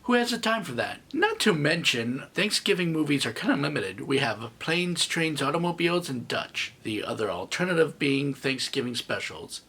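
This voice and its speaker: A man's voice: a little high, big pitch swings, normal speed, hardly any pauses, bright, forceful tone, breathy edge. A man in his thirties giving a comedic movie review with snarky, sarcastic asides. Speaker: film reviewer.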